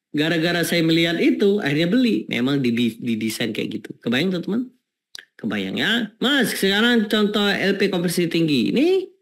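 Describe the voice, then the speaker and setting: A man hosting an online marketing webinar, talking casually and asking the audience whether they follow him, with many fillers. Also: high-pitched. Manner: chatty, repeats rhetorical questions to the audience, many fillers. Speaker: webinar host teaching landing pages.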